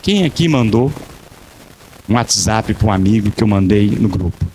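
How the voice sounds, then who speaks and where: A man's voice: fairly low pitch, lively intonation, normal speed, a little mellow, a little hiss or hum. A man preaching a sermon as pastor, telling stories with emphatic repetition and acting out the dialogues. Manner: dramatic storytelling, acting out dialogues.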